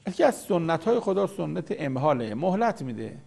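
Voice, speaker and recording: Gravelly-voiced man teaching scripture. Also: a little high, very animated, darkish tone. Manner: explanatory, repeats key words. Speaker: Quran commentator. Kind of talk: religious lecture.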